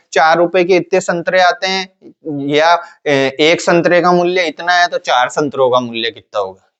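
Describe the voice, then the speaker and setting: A man teaching a classroom lesson in a casual, repetitive way. He asks questions and then answers them himself in a lower voice. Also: a bit bright, muffled recording. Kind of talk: classroom lecture.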